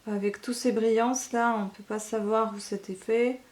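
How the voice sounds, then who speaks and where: A woman's voice: fairly high pitch, steady tone, normal speed, darkish tone. Chatty woman unboxing beauty products. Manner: chatty, frequent fillers and tag questions. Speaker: beauty vlogger. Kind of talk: casual unboxing chat. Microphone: camera microphone.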